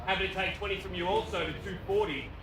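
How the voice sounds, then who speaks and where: A man's voice: high voice, steady tone, fast. A man working as a property auctioneer, calling bids outdoors to a crowd in a projected, emphatic and repetitive way. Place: outdoors in a residential street. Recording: distant mic, noisy street with vehicles.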